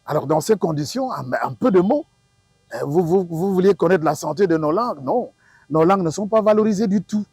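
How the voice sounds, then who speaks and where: Speaking fairly quickly in a high-pitched, husky, slightly mellow voice, a male linguistics expert from the Democratic Republic of the Congo explains a topic to an audience during an interview. His Congolese French accent comes through, his delivery is expressive, didactic and emphatic with rhetorical questions and repetition, and there's no echo.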